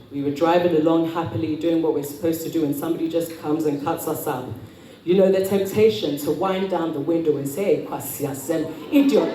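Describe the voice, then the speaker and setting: A woman giving a motivational talk as an etiquette coach, with prim, precise enunciation and a measured, polite manner. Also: deep voice, warm tone. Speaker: etiquette coach speaking at an event. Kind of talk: motivational talk to a live audience. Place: indoor event room with audience. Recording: roomy, distant mic, noisy hall.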